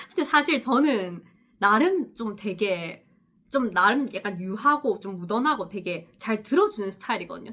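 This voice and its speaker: A woman's voice: medium pitch, a bit bright, slightly rough. A woman chats to the camera in a casual vlog about her work as a nurse. She tells long stories, laughs often and acts out the people she quotes. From Busan, South Korea. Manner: chatty storytelling, laughing often, acting out quotes. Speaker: nurse vlogger. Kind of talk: casual talking-head vlog.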